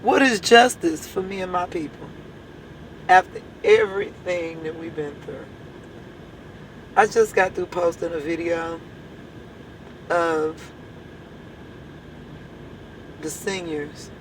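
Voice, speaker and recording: A church leader with a hoarse drawl and a voice on the low side delivers a fervent, emphatic speech, circling back to the same rhetorical questions again and again. There's a faint background hum.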